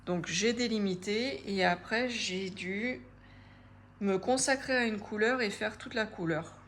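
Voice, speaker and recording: A woman in her forties chatting casually to camera as a craft vlogger, hesitant, with frequent pauses and fillers. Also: medium pitch, fairly bright tone, slight background noise.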